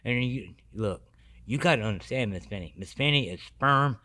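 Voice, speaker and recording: A man giving his personal recovery testimony as a podcast guest, earnest and halting with many restarts. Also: mid-range voice, lively intonation, pushed and bright.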